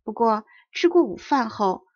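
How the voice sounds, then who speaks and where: A woman reads a children's storybook aloud with clear, lively storytelling, her voice pitched a little high. The recording is close and dry, with a dull, lo-fi edge. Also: unhurried, no echo. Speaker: audiobook narrator. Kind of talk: storybook narration.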